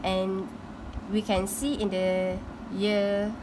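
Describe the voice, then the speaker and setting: A young woman student explains a graph for a class presentation, speaking slowly and stopping to restart her phrases. She is recorded on a phone with clear background hum and noise. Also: medium pitch, flat delivery. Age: young adult.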